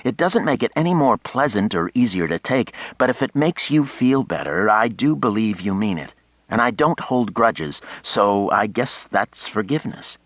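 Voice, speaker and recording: A man's voice: fairly low pitch, sing-song, normal speed, fairly bright tone, no room sound, pitched above the performer's own voice. A man voicing a hurt, guarded woman in an audiobook, cool and pointed. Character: hurt, guarded adult woman, sharp-tongued. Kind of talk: audiobook character voice.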